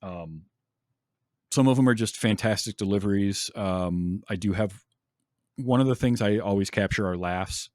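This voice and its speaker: In a studio-quality recording free of room sound, a man with a lowish, slightly mellow voice hosts a podcast at a moderate pace. He talks about a film with casual enthusiasm, and his speech is full of ums.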